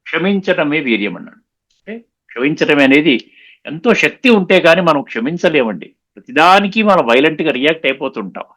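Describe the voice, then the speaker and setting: Bright, lively-voiced man giving a spiritual discourse. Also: on the high side, fairly quick. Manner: explanatory, often checks "understood?" with listeners; mixes English words into his talk. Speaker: spiritual lecturer.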